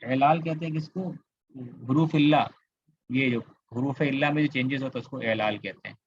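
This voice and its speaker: Speaking at a moderate pace in a mid-range voice, a man with a Kolkata Indian accent teaches Arabic grammar in an online class over a video call. He works through the material step by step, repeats key words, and pauses to quiz his students. His computer mic gives a slightly dull, lo-fi sound with a bit of background noise.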